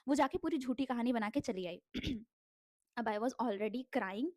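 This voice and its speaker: A young woman telling a casual storytime about her school days, animated, swearing freely and mixing in English words. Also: fairly high pitch, a little slow, no echo.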